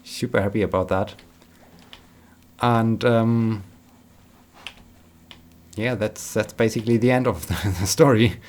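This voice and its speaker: A man's voice: fairly low pitch, fairly even intonation, measured pace, pauses often, darkish tone. A man chatting casually while playing a game, rambling and repeating words, tired but upbeat. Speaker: gaming vlogger.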